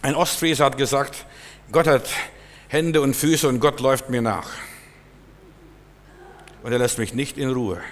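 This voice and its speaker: A man delivers a sermon with emphatic stresses, dropping often to quieter, lower lines. His voice sits in the middle range and rings with a long reverb. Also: unhurried, pauses often. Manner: emphatic, swinging between loud and soft. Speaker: preacher.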